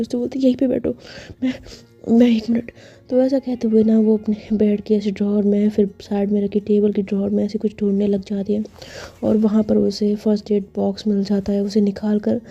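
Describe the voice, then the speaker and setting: A woman's voice: medium pitch, level tone, brisk, mellow, breathy edge, muffled recording. A woman narrating a love story in a casual, conversational storytelling style.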